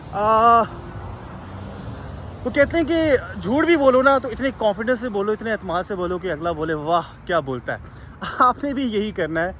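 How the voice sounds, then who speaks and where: A woman's voice: on the high side, a bit bright, a little hiss or hum. Woman tutor giving exam advice. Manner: switches languages mid-sentence, checks in with listeners. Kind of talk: spoken advice lesson.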